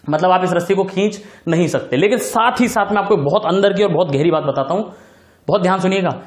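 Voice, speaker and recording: A man teaching a physics lesson, his voice sitting high for a man. He walks through each step, repeats the key points and checks again and again that his students follow. The sound is roomy and echoey, like a classroom. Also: fast talker. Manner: affectionate address to students. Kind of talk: recorded classroom lecture.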